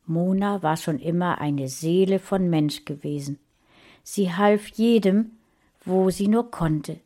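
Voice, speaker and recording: A woman reading a fantasy story aloud in a calm, even way. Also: fairly low pitch. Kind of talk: audiobook narration.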